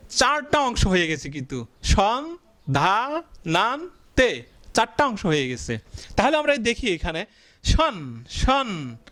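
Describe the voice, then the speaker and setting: High, lively male teacher, slow-paced. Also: no room sound. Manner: asks the class questions and answers them himself; stretches out syllables slowly while writing. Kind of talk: blackboard grammar lesson.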